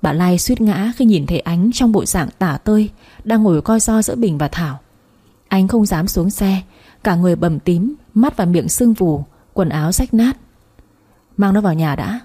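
A woman narrates a story in an even, descriptive reading. Her voice is dark and mellow with a husky grain. The delivery is steady and scripted. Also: mid-range voice, moderate pace.

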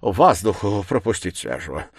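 A man's voice: on the low side, very animated, moderate pace, breathy edge, dry recording, clean studio sound, heavily acted. A man voicing a sly, fussing middle-aged investigator in an audiobook, cooing and mocking. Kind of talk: audiobook character reading.

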